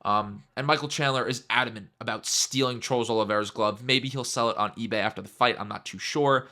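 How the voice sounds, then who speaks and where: A young man with a bright, forceful voice talks through a fight replay in an animated, mocking way. He keeps circling back to the same catchphrases as he points out each foul. His pitch sits in an ordinary middle range for a man. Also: a little fast. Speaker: MMA YouTuber. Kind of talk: casual fight breakdown commentary.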